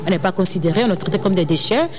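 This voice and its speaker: A woman's voice: fairly low pitch, racing. A young woman from Ivory Coast answers an interviewer's questions. Her talk is earnest and searching, broken by frequent hesitations. A faint background noise sits under her voice. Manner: earnest, hesitant with many fillers. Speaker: designer and activist guest.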